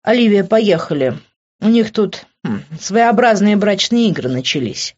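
A woman's voice: medium pitch, animated, a little slow, darkish tone, husky, lo-fi sound, voice pushed up. A woman voicing a smug, self-assured young man.

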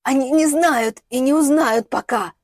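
A woman's voice: lively intonation, unhurried, slightly rough, dry recording, studio quality. Woman voicing a shrieking, scornful mother. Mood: furious. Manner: shrill, scornful shouting.

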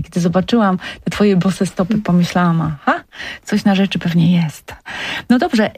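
Radio host, woman, dark husky voice with fry, dry studio mic, gentle anecdotal delivery. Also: lowish voice, no echo. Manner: warm storytelling, tender diminutives. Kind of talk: radio interview.

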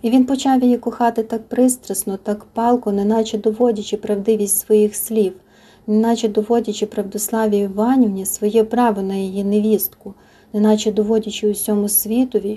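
A woman narrating a novel as an audiobook, soft and intimate, sometimes sinking into a whisper. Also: medium pitch, steady tone, brisk, breathy edge.

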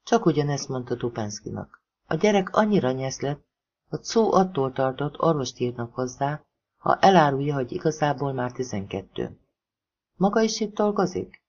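Expressive audiobook narrator reading a thriller, lively up-and-down pitch, dull lo-fi recording. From Hungary.

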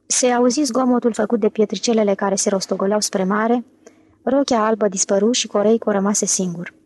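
A woman narrating an audiobook in a steady, even reading. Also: mid-range voice. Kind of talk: scripted narration.

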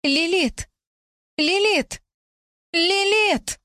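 A woman's voice: very high-pitched, extremely slow, bright, forceful tone, no echo, clean studio sound, voice pushed up, full character voice. A woman reading an audiobook, voicing a desperate ghost girl who calls out in urgent, pleading cries. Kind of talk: audiobook character voice.

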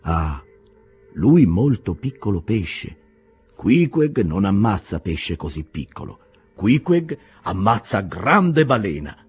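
Audiobook bit: male reader as an unbothered harpooner, slow, simple broken speech, lofty scorn. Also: low voice, expressive, vocal fry, dark tone, breathy edge, full character voice. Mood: disdainful. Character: calm proud harpooner, strong adult man.

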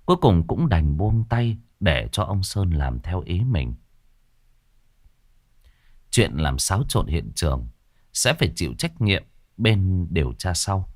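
Low-voiced storyteller. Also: male voice, dry recording, studio quality. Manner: dramatic, expressive reading. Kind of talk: scripted horror story narration. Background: faint background music.

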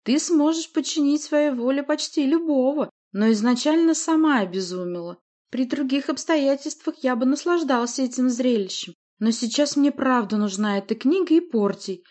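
A woman voices a sickly monster in an audiobook, sly and mocking, chuckling as it talks. The voice rides high and animated. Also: normal speed, few pauses. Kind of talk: audiobook character voice.

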